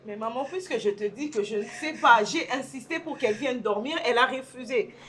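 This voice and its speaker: A woman's voice: on the high side, brisk, a bit bright, natural voice. A young woman with a Congolese French accent playing an anxious, protective older sister who pleads and repeats herself. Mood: shaken, hushed.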